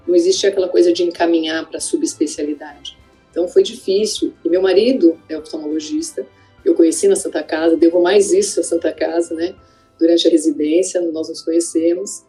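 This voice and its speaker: Low, mellow-voiced woman reminiscing. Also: poor audio. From Greater São Paulo, Brazil. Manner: conversational, many fillers and tag questions. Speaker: ophthalmologist. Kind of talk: reflective interview testimony.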